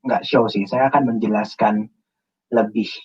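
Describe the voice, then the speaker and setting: Husky man on distant muffled audio. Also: on the low side, measured pace. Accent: Indonesian. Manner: animated, acts out example phrasings. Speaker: guest speaker. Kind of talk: explaining interview tips in a webinar.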